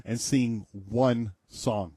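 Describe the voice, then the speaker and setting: A man co-hosting an internet radio show in casual chat, jokey and quick to laugh, stumbling over his words. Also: medium pitch, steady tone, mellow, husky, dry recording.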